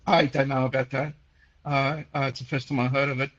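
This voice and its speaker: A man's voice: medium pitch, little pitch movement, fairly quick, fairly bright tone, highs cut off. A man in his sixties from Chile, who says he is nearly deaf, hosting a casual call-in chat and answering questions in a rambling way, with many fillers and repeated words. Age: 60s. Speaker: host answering listener questions.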